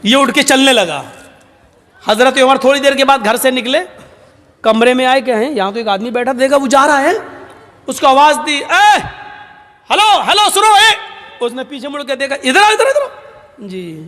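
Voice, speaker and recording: A male Islamic preacher giving a religious speech to a gathering, telling stories and acting out the dialogue, sometimes shouting. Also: very high-pitched. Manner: storytelling, acts out dialogue with rising shouted lines. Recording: echoey hall sound.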